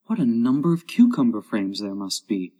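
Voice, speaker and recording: A man's voice: mid-range voice, big pitch swings, normal speed, dark tone, breathy edge. A man voicing a curious young girl who muses and questions herself in a storybook. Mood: puzzled. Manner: wondering, self-questioning.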